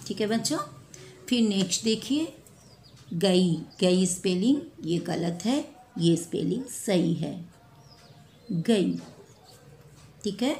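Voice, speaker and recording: A woman teaching a spelling lesson to children, repeating each word slowly and correcting mistakes one by one. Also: fairly low pitch, darkish tone. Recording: echoey room with faint ambient noise.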